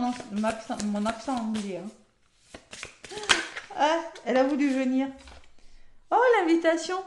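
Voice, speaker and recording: Woman, chatty card reader, talks to viewers, slightly high voice, echoey room. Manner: chatty, peppers talk with "hein" and "d'accord"; addresses viewers directly. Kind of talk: casual weekly horoscope card reading.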